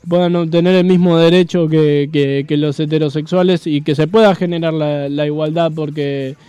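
Hesitant Rioplatense radio co-host, dry sound. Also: male voice, fairly high pitch, steady tone, moderate pace, dark tone, smooth, dry recording. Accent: Rioplatense Spanish. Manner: hesitant, many fillers and restarts. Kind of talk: casual radio talk.

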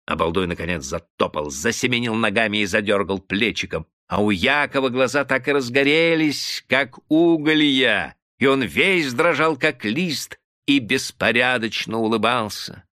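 A man narrating classic prose in an expressive, dramatic reading. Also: on the low side, moderate pace, dry recording, clean studio sound. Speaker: audiobook narrator.

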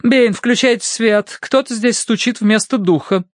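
A man reading an audiobook voices an imperious woman spirit medium who speaks in a slow, hoarse, eerie howl. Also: very high voice, no echo, studio quality, voice pushed up. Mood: commanding. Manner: slow, commanding pronouncements. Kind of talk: audiobook character voice.

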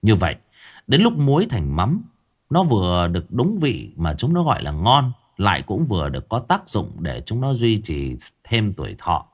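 Lively male horror storyteller. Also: on the low side, moderate pace. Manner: dramatic storytelling, shifting inflection. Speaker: narrator.

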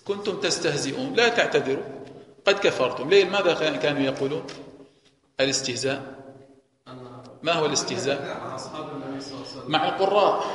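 A man's voice: mid-range voice, vocal fry, a bit bright. A man giving a religious lesson, asking and answering his own questions. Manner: explains by posing and answering rhetorical questions. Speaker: Quran teacher. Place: mosque hall. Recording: echoey reverberant mosque hall.

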